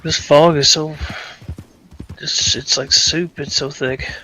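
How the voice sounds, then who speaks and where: A man's voice: on the high side, steady tone, slow pace, pushed and bright, slight background noise, rough recording. A man in an online western role-play, talking hesitantly and repeating himself. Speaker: role-play player as a rider named Thomas.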